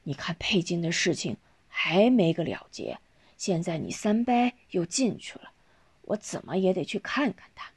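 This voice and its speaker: Earnest old guy from an audiobook, read by a woman, steady and patient, voice rises and falls a lot. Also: on the low side, moderate pace, husky, exaggerated voice. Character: earnest older man, principled and patient.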